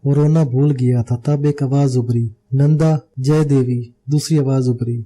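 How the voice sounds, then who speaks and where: A man's voice: mid-range voice, steady tone, normal speed, mellow. A man reading a novel aloud as an audiobook narrator, telling the story steadily and voicing every character himself.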